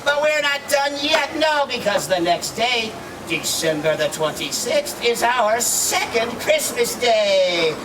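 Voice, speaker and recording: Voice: mid-range voice, big pitch swings, takes it slowly, far from the mic. A performer playing a jolly, mischievous Christmas gnome, teasing and exclaiming in theatrical live storytelling to a crowd. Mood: playful. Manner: playful, teasing, sing-song, exclaiming. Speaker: costumed storyteller. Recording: noisy outdoor crowd, voice from afar.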